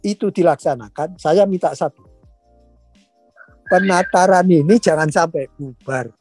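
A man, telling stories in a casual chat, animated and laughing often as he acts out quotes. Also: on the high side, measured pace, no room sound, faint music behind.

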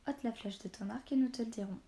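A guarded, gruff grown warrior who answers in short, clipped retorts, read by a woman telling the story. The tone stays mellow and soft-edged rather than bright. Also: on the high side, fast talker, natural voice. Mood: curt.

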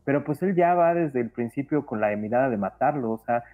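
A man's voice: mid-range voice, expressive, fairly quick, narrow, tinny audio. A man, a guest on a podcast, talking at length in a casual discussion and thinking aloud with plenty of fillers. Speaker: guest film commentator.

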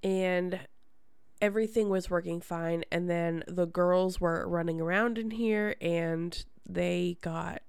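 A woman's voice: on the low side, steady tone, takes it slowly, gravelly, a little mellow, smooth, dry recording, studio quality. A woman hosting a podcast in casual chat, with a congested, nasal voice and a chatty, rambling manner. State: congested from a sinus problem. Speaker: podcast host.

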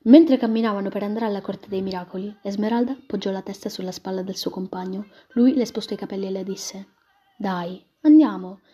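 A woman's voice: mid-range voice, fairly even intonation, fast talker, hardly any pauses, mellow. A woman reading a romance story aloud, often dropping into whispers, on a dull lo-fi recording. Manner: drops into whispers.

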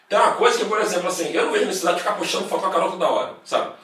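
A Brazilian man in casual chat, animated and swearing freely as he mimics other people. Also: sits high, very fast. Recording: roomy, distant mic, faint noise.

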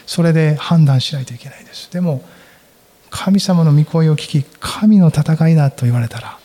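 A man preaching a sermon, swinging between loud emphatic lines and soft near-whispers. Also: on the high side, a little fast. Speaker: pastor. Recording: long reverb of a large hall.

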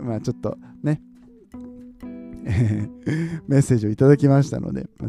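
Man, podcast host, very dark mellow tone, easygoing chat, chuckles, faint music behind. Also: medium pitch, vocal fry. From Nagoya, Japan. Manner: relaxed, chatty, often chuckles, asks listeners questions. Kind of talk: casual solo chat.

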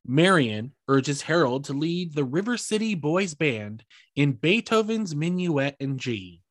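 A man's voice: on the high side, no room sound. A man co-hosting a podcast, recapping a musical's plot and chatting in a wry, hedging way. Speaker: podcast co-host. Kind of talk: casual chat and plot recap.

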